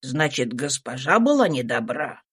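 A woman reading an audiobook voices a mild middle-aged husband, speaking low, slow and hesitant. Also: very animated, a bit bright, slightly rough, full character voice. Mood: questioning. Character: mild middle-aged male household head.

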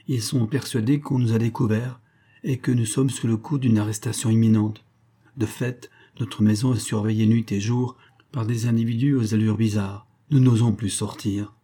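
A man's voice: on the low side, dark tone, lightly acted. A man voicing an anxious, greedy male hypnotist who stammers and complains.

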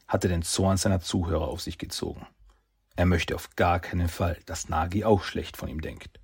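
A man reading a story aloud in a measured, quiet narrating voice. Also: low-pitched, creaky, husky.

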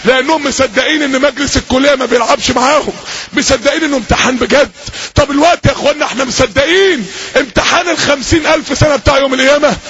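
High-voiced, shouting Egyptian preacher. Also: male voice, very fast. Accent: Egyptian Arabic. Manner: impassioned, often shouting, repetitive. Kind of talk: fiery sermon to a gathering. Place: public gathering. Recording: dull lo-fi recording with faint hiss.

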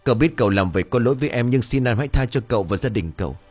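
A man's voice: medium pitch, animated, very fast, a little mellow, faint music behind, voice pushed up, natural voice. A man voicing a cowardly young master frantically begging for his life in an audio ghost story.

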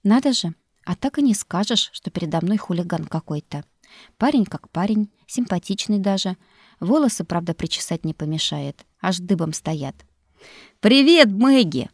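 A woman reading a first-person fantasy novel aloud in a lively, curious way. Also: fairly low pitch, normal speed, slightly rough, no room sound, clean studio sound. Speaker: audiobook narrator.

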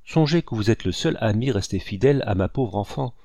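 A man's voice: lowish voice, lively intonation, brisk, mellow, no echo. A man reading aloud voices a distraught male planter who pleads urgently for his daughter's sake. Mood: pleading.

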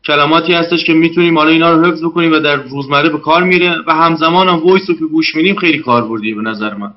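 Hesitant man, lo-fi. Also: on the high side. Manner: hesitant, many fillers, polite. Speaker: Arabic learner and guest. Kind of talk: casual interview.

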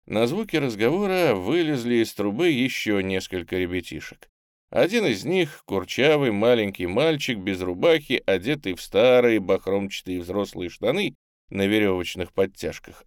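A man narrating an audiobook in an expressive storytelling way. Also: fairly low pitch, moderate pace, no room sound, studio quality.

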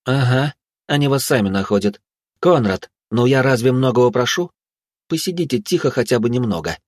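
A man's voice: medium pitch, animated, normal speed, dry recording, studio quality, pitched above the performer's own voice, lightly acted. A man voicing an exasperated young woman class head. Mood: pleading. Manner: pleading, exasperated. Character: strict young woman student head, fretful. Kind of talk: audiobook character voice.

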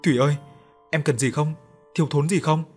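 A man's voice: fairly high pitch, steady tone, a little fast, slightly rough. A grief-stricken young husband speaks in a desperate, pleading tone in an audio story. A man plays him close to his own voice. Faint music runs behind.

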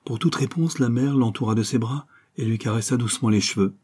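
A man narrating a novel in a measured, even reading. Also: mid-range voice, breathy edge. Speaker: audiobook narrator. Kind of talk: scripted narration.

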